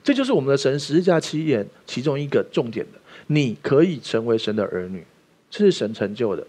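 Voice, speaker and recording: A man's voice: mid-range voice, sing-song, a little fast, a little mellow, slightly rough. A man preaching a sermon as pastor, emphatic and often asking the listeners questions.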